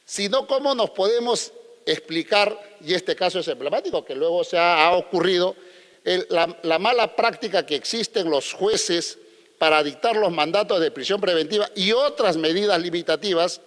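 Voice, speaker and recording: A man argues his case at a legal conference, pressing his points through pointed rhetorical questions. His voice sits notably high for a man. The sound rings with the long reverb of a large hall. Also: normal speed, fairly bright tone. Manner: combative, with frequent rhetorical questions. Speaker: lawyer speaking at a legal conference. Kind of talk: conference talk.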